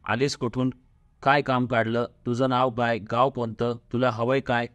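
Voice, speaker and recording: A man's voice: mid-range voice, flat delivery, moderate pace, fairly bright tone, dry recording, close to an everyday voice. A man voicing a young palace maid who speaks anxiously and dutifully. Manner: questioning, anxious.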